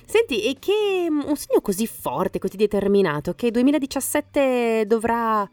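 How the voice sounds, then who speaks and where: A woman hosting a live radio segment, bubbly and quick to laugh. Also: fairly high pitch, big pitch swings, a little mellow, no room sound, distant mic. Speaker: radio host. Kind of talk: lively radio chat.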